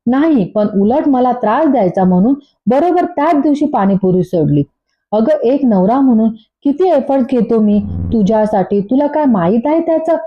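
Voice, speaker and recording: A woman's voice: a little high, lively intonation, moderate pace. A woman voicing an irritable young husband who scolds and defends himself. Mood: scolding. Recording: dull lo-fi recording.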